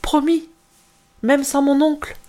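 A woman's voice: level tone, slow, darkish tone. Woman voicing a frightened little girl. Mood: pleading. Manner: high pleading voice. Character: frightened young girl clinging to her mother.

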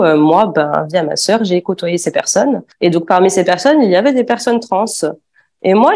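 A woman's voice: mid-range voice, mellow. Hesitant young woman telling her story. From Afghanistan. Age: 20s. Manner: hesitant, many fillers and restarts. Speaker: guest giving testimony. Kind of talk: spoken personal testimony.

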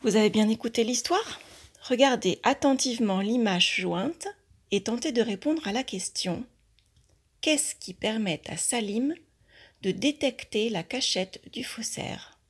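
A woman reading a children's mystery story aloud for schoolchildren, clear and expressive. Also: fairly high pitch, unhurried.

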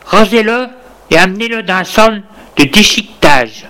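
A man voicing a brisk male doctor who gives curt orders. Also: sits high, animated, bright, forceful tone, reverberant, voice pushed up.

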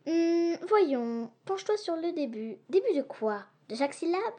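A stubborn, fearless young girl talks back in a storybook audiobook, as a woman reading the tale plays her. The voice is high and bright, cheeky and impatient. She puzzles things out aloud. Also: sing-song, unhurried, full character voice. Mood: pondering. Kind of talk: storybook narration.

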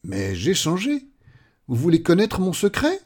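Guy playing a gentle tramp, soothing, unhurried. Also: high voice, slightly rough, pitched above the performer's own voice, exaggerated voice. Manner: calm, soothing. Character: kind gentle male vagrant.

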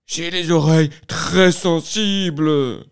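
A woman voicing a big, grumpy, jumpy male bear in a storybook, with a gruff, grumbling delivery. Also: sits low, slow.

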